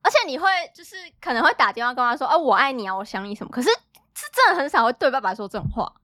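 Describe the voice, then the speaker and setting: A woman's voice: on the high side, very animated, rapid-fire, sharp tone, dry recording, studio quality. A woman co-hosting a podcast, joining the casual chat with playful teasing. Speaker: podcast co-host.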